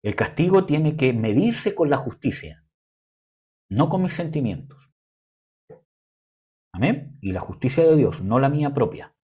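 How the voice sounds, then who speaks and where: Young guy giving a sermon, husky voice, talks like a chat, lots of "cómo se llama" fillers. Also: mid-range voice, expressive, measured pace, pauses often, darkish tone. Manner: conversational preaching, frequent "¿cómo se llama?" fillers. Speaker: preacher.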